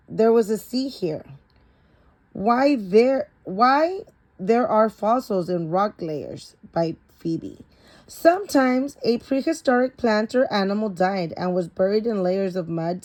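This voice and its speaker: A woman with a mid-range, darkish voice reads a children's science picture book aloud. Every so often she stops to repeat or correct a word.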